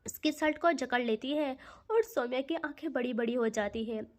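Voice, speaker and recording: A woman telling a romantic love story aloud, with a high voice. She narrates softly, with emotion and dramatic flair. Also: moderate pace.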